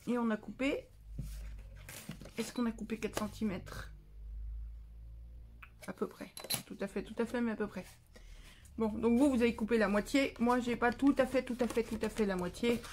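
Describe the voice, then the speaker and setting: A woman's voice: fairly high pitch, steady tone, moderate pace, pauses often, a little mellow, slight background noise. A woman giving a casual step-by-step craft tutorial, chatty and often correcting herself mid-sentence. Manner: chatty, self-correcting, stumbles over words; scolds and coos at her cat between steps. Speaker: papercraft tutorial maker.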